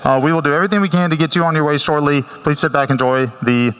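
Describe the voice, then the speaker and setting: A halting airline pilot drawling through a cockpit announcement to a full cabin, stalling on ums and uhs, as a preacher puts him on. The voice sits a little higher than the man's own and comes across louder and more projected. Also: fairly even intonation, clean tone, lightly acted. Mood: flat, apologetic. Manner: halting, drawling intercom patter with fillers. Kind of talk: sermon illustration.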